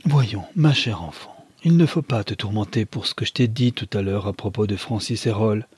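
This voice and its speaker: A man voicing a businesslike husband who calmly soothes and dismisses his wife in a read novel. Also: lowish voice, normal speed, husky, no room sound. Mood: patronizing. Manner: calm, patronizing reassurance.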